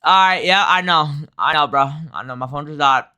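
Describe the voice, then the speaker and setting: High-pitched man, bright voice, street slang, profane, excitable livestream commentary. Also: brisk, clear, resonant tone. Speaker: livestreamer reacting to a video. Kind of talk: casual live reaction commentary.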